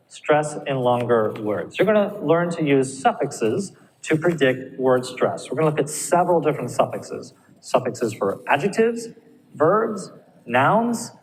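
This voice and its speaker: A man teaching an English pronunciation lesson in an even, mid-pitched voice, steadily encouraging his students and checking in with them often. The recording carries a long reverb and a faint hum of room noise. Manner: encouraging, checks in with frequent "all right?". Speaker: ESL teacher. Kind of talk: recorded classroom lecture.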